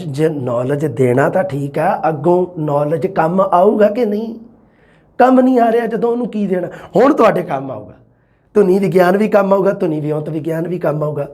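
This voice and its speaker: A man's voice: fairly high pitch, darkish tone. A male teacher with a Punjabi accent giving an exam-prep lecture, asking rhetorical questions and acting out his students' answers.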